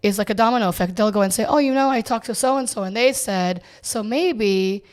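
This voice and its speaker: Brisk and darkish in tone, a woman's mid-range voice carries her earnest guest chat on a podcast. She's a realtor, born in Israel and raised in the US, and she frequently halts and starts over.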